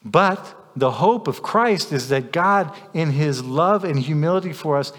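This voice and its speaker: Emphatic male pastor, high voice. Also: lively intonation, measured pace, a bit bright, big-room sound. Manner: emphatic, repeats phrases for stress. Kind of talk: sermon.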